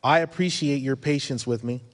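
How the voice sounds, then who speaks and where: A man's voice: medium pitch, normal speed. Man, 30s, foreign accent, religious conference lecture, earnest and advising, reverberant hall. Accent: foreign accent he mentions himself. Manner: earnest, advising, with rhetorical questions. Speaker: conference speaker.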